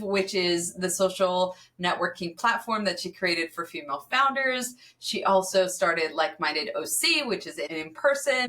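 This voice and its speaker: A bright, clear-toned woman hosts a podcast interview, upbeat and quick to laugh. She sits a little back from her mic, so her voice has a slightly distant edge. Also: medium pitch. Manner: enthusiastic, laughs easily. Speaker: podcast host.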